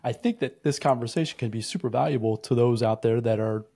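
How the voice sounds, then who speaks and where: A man's voice: medium pitch, fairly quick, mellow, breathy edge, dry recording, clean studio sound. A man co-hosting a podcast, asking his co-host probing, leading questions in a casual conversational way with frequent restarts.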